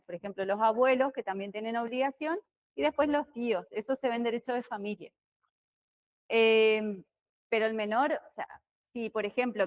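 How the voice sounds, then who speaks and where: A middle-aged woman with an Argentine accent giving a law lecture in a classroom, talking loudly and asking students questions. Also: a little high. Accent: Argentine Spanish. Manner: lively, talks loud, asks students questions. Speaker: law teacher.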